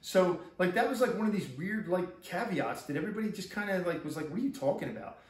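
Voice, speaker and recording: A man's voice: sits high, expressive, quick pace. A middle-aged man, a police officer, giving a rambling first-person account that is full of repeats and restarted sentences. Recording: echoey room, far from mic.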